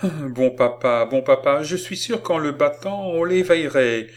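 Guy reading a willful little girl, high pleading voice, kinda defiant. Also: expressive, measured pace. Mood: earnest childlike. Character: spirited, stubborn little girl.

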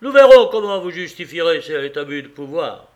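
A man's voice: a little high, sing-song, normal speed, pitched above the performer's own voice. A cantankerous old moneylender, voiced by a man reading aloud in an audiobook. He roars and grumbles at everyone. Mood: furious. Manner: roaring, grumbling. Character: irascible old male moneylender.

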